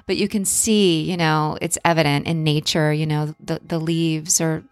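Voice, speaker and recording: A woman hosting a spiritual podcast, talking reflectively in a halting, conversational way. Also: low voice, steady tone, smooth, dry recording. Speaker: podcast host and yoga guide.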